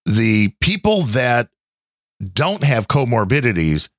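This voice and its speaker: A man's voice: medium pitch, sing-song, slow, a bit bright, dry recording, studio quality. A man hosting a casual podcast, talking in a conversational, skeptical way with long, wandering explanations. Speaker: podcast host.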